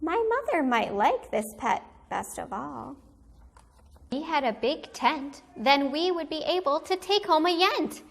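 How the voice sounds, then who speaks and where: Here a woman reads aloud from a picture book in kindergarten-teacher style, animated and geared to young children. She has a high, slightly creaky voice and takes her time, going a little slowly over each phrase.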